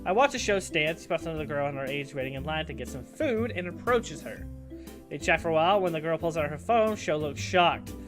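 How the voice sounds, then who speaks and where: A young man streaming a visual novel, reading the narration aloud with animated joking asides. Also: a little high, fairly quick, music in the background.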